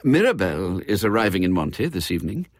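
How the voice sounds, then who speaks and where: A man voicing a fussy, eager elderly English gentleman with precise, polite speech in a storybook reading. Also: low-pitched, big pitch swings, fairly quick, dry recording, studio quality.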